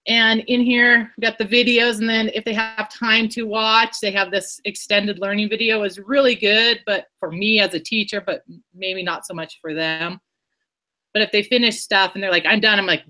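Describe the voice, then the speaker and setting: A woman's voice: mid-range voice, pushed and bright. A woman teacher explaining her own lesson in a casual, rambling way, often correcting herself as she goes. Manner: rambling, self-correcting, chatty. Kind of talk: casual explanation in an online workshop.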